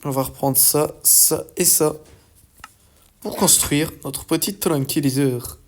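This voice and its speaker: A young man giving casual let's-play commentary, excitable and swearing often as he talks to his viewers. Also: fairly high pitch, slow pace. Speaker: gaming YouTuber.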